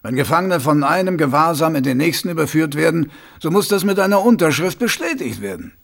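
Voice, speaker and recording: A man's voice: fairly high pitch, big pitch swings, fairly quick, creaky, pitched above the performer's own voice, full character voice. A man reading an audiobook, voicing a curt, stiff male night-watch sergeant in a dry manner. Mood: stern. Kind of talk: audiobook character voice.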